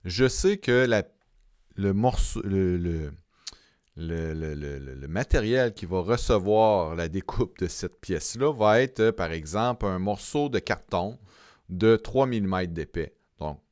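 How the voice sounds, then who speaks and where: Low-voiced Québécois man teaching software. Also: animated, no room sound, clean studio sound. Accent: Québécois French. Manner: talks through each step, halting, with frequent fillers and repeated words. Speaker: software instructor. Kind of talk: screen-recorded software tutorial.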